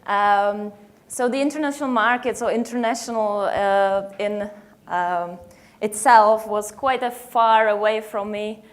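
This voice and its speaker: A young woman with a Czech accent speaks to a conference audience. She talks in a halting way, with frequent fillers and restarts. Her voice sits at a middling pitch. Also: fairly even intonation. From Czech Republic. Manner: hesitant, many fillers and restarts. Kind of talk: conference presentation. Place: conference hall.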